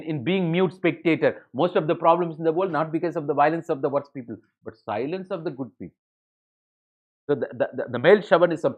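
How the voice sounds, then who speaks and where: Fast-talking man lecturing. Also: fairly high pitch. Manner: rapid, filler-heavy, addresses students as ladies and gentlemen. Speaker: exam coaching educator. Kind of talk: online lecture. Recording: dull lo-fi lecture audio.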